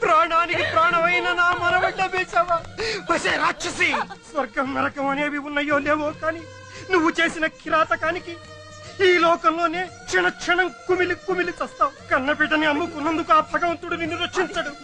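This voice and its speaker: Casting: a frail, furious old grandfather, high pitch, with a loud score behind. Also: steady tone, brisk. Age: older. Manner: angry, accusing. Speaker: ailing grandfather. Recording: film soundtrack with loud music.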